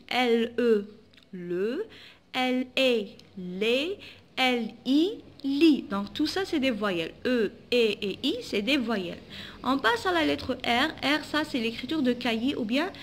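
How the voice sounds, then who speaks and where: A woman teacher with an Algerian French accent, giving a phonics lesson for children and spelling out sounds syllable by syllable. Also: sits high.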